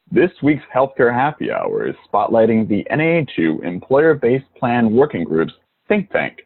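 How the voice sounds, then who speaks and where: A male podcast host reading formal questions, recorded at home and heard over a low-quality remote audio stream. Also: husky, narrow, tinny audio. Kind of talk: reading a scripted introduction and interview questions. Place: recording from his own home.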